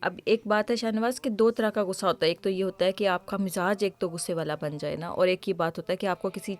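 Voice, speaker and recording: A patient woman host explains things gently to a child, speaking at an ordinary pitch. Her manner is teacherly, and she checks in with the child by asking questions. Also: fairly even intonation.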